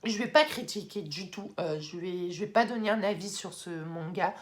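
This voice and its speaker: A young woman in casual vlog talk, chatty with many fillers and excited bursts, now and then moving off the mic. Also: on the low side, moderate pace. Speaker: YouTuber ranking anime. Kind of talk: casual vlog tier list.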